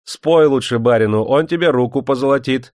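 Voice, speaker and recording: A man's voice: mid-range voice, brisk, a little mellow, dry recording, clean studio sound, pitched above the performer's own voice, lightly acted. A man voicing a hearty, fussy male Roma vagabond who exclaims and fawns in an audiobook reading. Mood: gruff. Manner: exclaiming, fawning.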